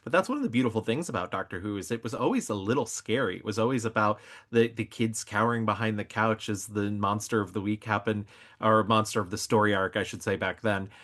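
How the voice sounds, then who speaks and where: A man's voice: lowish voice, fast talker, a bit bright. Male guest, fond and reflective, working his thoughts out aloud. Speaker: podcast guest. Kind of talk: casual podcast discussion.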